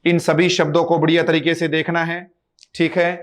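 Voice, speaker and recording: A male English teacher with a Hindi accent gives a coaching-class lecture. His voice sits fairly high and stays level, with little rise and fall. He explains step by step, asks the class questions and draws out key terms slowly. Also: monotone. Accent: Hindi-influenced English.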